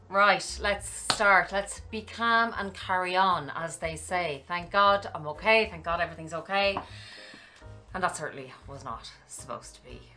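A woman's voice: mid-range voice, sharp tone. A woman chatting to camera as a luxury handbag and fragrance vlogger, effusive and full of thanks to her viewers. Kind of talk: casual vlog chat to camera.

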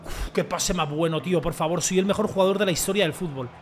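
A young man giving excited commentary as he plays a football video game, talking to his viewers, swearing and shouting at the referee. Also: high voice, fast, soft background music. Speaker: gaming streamer.

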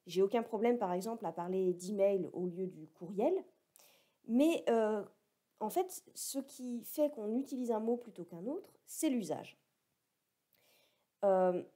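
Dark-voiced woman teaching electronics. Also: on the high side. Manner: explanatory, with wry asides. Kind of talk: recorded lecture.

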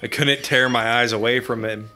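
A man's voice: mid-range voice, steady tone, moderate pace, background noise. A man hosting a podcast, reading a scary campfire story aloud with dramatic delivery. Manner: dramatic reading broken by laughter. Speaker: podcast host.

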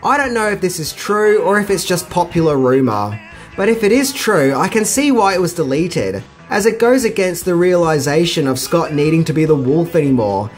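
A man's voice: a little high, sing-song, moderate pace, faint music behind. A middle-aged man hosting a scripted film trivia video with casual, slangy asides. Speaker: video host.

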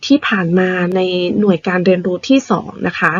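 A woman primary school teacher patiently explaining vocabulary words to young children, spelling them out slowly. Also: on the low side, husky, dull audio. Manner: patient, spells words out slowly, ends phrases with polite particles.

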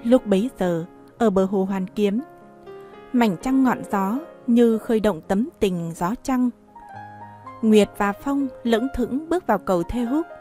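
A woman narrating a short story for an audiobook in a calm, measured way. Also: mid-range voice. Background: faint music.

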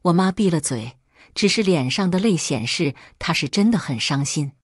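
A woman narrates a first-person story in a calm, steady read. Her voice sits low and sounds husky. The recording is dry, with no room around it. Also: normal speed, no room sound.

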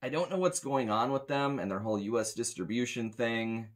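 An American man in his thirties, working as a sound tech, gives a casual, rambling gear review in a blunt, grumbling way. His mid-range voice moves fairly quickly, and he's in a small indoor room with metal shelving.

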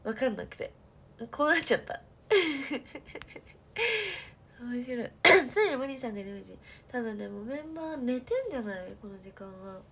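A young woman on a late-night livestream talks quickly and expressively from her bedroom, in a fairly high voice with vocal fry and few pauses. Casual and chatty yet soft, she laughs often and frequently sinks into a whisper.

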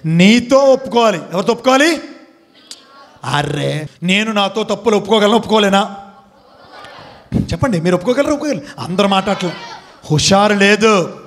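A man giving a motivational speech to students in a college hall. He calls out questions to the crowd and swings from loud to hushed. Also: sits high. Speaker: motivational speaker. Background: student audience.

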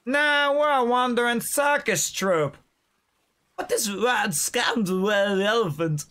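A man's voice: extremely high pitch, lively intonation, slow, bright, forceful tone, clear, resonant tone, heavily acted. A man doing a blustery down-on-luck pirate. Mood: grumbling. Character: washed-up male street-corner pirate, gruff.

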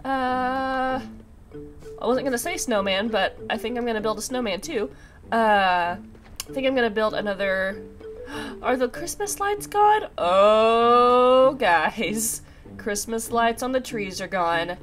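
She is a gaming video host with a slightly high, animated voice who takes things slowly, chatting casually to herself through a let's play. Congestion from a sinus infection makes her a bit nasal, and she is still recovering from a cough and sore throat. Video game music runs underneath.

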